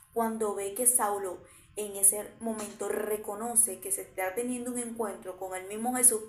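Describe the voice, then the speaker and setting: A woman's voice: mid-range voice, a little mellow, a little hiss or hum. A woman preaching a sermon with fervent, rising emphasis. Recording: echoey room.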